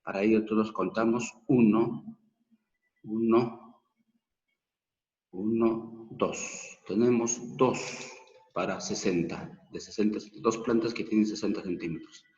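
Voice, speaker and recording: A man with a Peruvian Spanish accent, teaching a math lesson slowly and patiently, counting aloud step by step. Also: fairly low pitch, darkish tone. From Peru. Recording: dull, roomy, echoey recording.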